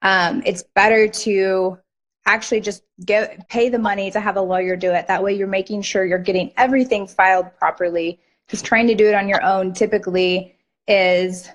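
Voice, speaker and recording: A hoarse woman hosting a live online interview, chatty and summarizing her guest's points. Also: mid-range voice, steady tone, moderate pace. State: hoarse from a lost voice. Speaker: host. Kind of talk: live interview, asking questions. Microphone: online video stream.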